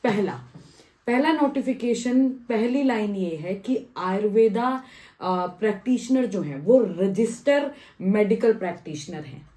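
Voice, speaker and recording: A young woman, an Ayurvedic doctor, explaining rules point by point in a methodical way with frequent pauses. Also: medium pitch, animated, dark tone. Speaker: Ayurvedic surgeon and postgraduate scholar. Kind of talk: informational explainer vlog. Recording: echoey room.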